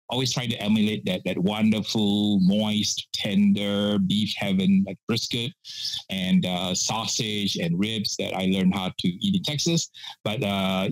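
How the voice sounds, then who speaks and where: Being interviewed on a casual podcast, a Malaysian pitmaster from Penang, in his sixties, spins stories in a lowish voice, full of "uh" fillers and frequent laughs. The recording is rough but free of echo.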